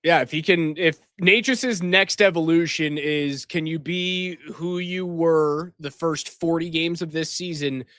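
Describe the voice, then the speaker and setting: A man hosting live post-game hockey commentary, speaking emphatically and deliberately, often repeating phrases for weight. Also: on the high side, fairly even intonation, fairly bright tone, no echo, studio quality. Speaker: sports show host. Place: hockey arena after a game. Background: arena racket.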